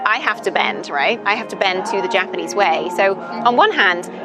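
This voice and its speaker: A young woman from Britain, guesting in a casual interview, speaks expressively at a moderate pace in a medium pitch. Music runs underneath as she chats thoughtfully with frequent "um" and "you know."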